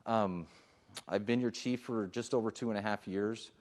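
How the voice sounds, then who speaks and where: A man's voice: fairly low pitch, fairly even intonation, normal speed, a little mellow. A middle-aged man, a police chief, giving a conversational presentation at a public forum, with frequent fillers and restarts.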